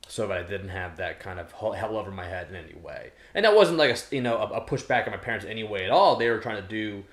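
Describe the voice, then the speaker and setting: Man in his thirties, lowish voice, casual rambling chat, echoey room. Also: big pitch swings, fast. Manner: rambling, full of restarts and fillers. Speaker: podcast co-host. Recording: roomy echo.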